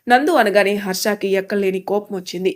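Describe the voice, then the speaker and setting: A woman's voice: medium pitch, fairly even intonation, brisk. Woman narrating an audio story.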